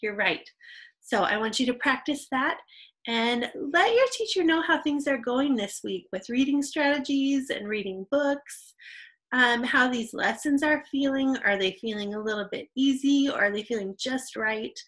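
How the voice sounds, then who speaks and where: A woman's voice: high voice, animated, a little slow, fairly bright tone, rough recording. A young adult woman teaching an online reading lesson to young children, patient and encouraging, on a computer microphone.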